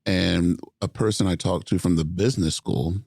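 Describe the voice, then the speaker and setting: Low-voiced male host, measured and reflective. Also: creaky, darkish tone, dry recording, clean studio sound. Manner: measured, reflective, uses academic terms. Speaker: podcast host. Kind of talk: conversational interview.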